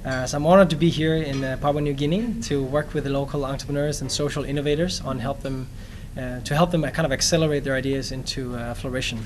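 A man in his thirties from Denmark, a startup trainer, speaking earnestly with frequent filler pauses into a handheld mic in a large conference hall. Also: mid-range voice, steady tone. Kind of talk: on-location interview. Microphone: handheld microphone.

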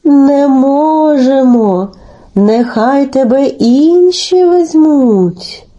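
A woman voicing a flock of aloof wild geese who answer slowly and dismissively. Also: sits high, animated, warm tone, lo-fi sound, heavily acted. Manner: slow, drawn-out, dismissive.

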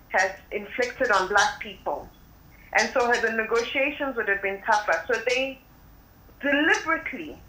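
Woman on a phone line, bright sharp voice, echoey tinny sound, talks with passion. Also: on the high side. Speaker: phone-in guest commentator. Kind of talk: phone-in commentary. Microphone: telephone.

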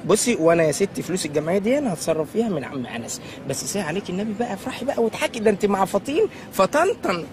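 A bookish young history teacher with an Egyptian accent, lecturing at a rapid clip. His voice swoops up and down with lively pitch, and he turns coaxing and pleading with his sweetheart. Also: background noise. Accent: Egyptian Arabic.

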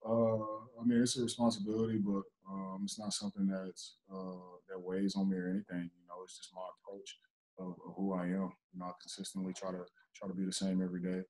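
A young man, a basketball player, answering reporters' questions calmly after a game over a video call. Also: a little fast, rough recording. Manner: low-key, even, steady delivery. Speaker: basketball player at postgame press conference. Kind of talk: postgame interview answers. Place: indoor press backdrop, remote video call.

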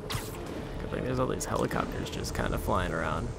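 Creaky-voiced man commenting on a game. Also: low-pitched, expressive, normal speed, very noisy. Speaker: gaming video host. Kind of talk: casual gameplay commentary. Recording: loud game audio under commentary. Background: video game sound.

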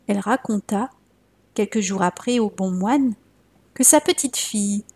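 A woman from France reading a legend aloud in a measured, solemn narration. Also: medium pitch, a little mellow, husky. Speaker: storyteller. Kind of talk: scripted narration.

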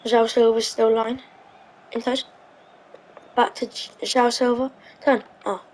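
A woman's voice: a little high, little pitch movement, measured pace, darkish tone, poor audio. Chatty woman thinking aloud over a game. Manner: chatty, hesitant, thinking aloud with frequent ums. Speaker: gaming channel host. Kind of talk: casual gameplay commentary.

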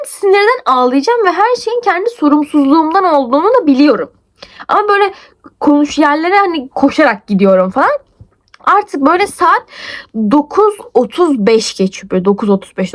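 A young woman vlogger telling a story in a casual, rapid, breathless way, her pitch swinging up and down. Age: young adult.

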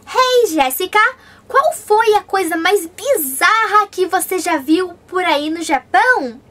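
A young woman from Brazil hosts a casual question-and-answer vlog with a very high, light voice. She talks in a chatty way, reading viewer comments aloud and then answering each one. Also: lively intonation, slow, pushed and bright.

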